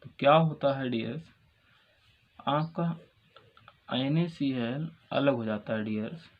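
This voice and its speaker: A man's voice: mid-range voice, slow pace. A male chemistry teacher gives a lecture. He repeats each question, answers it himself, and keeps calling his students "dears.". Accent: Hindi-speaking North Indian. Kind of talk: classroom lecture. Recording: dull lo-fi sound with faint ambience.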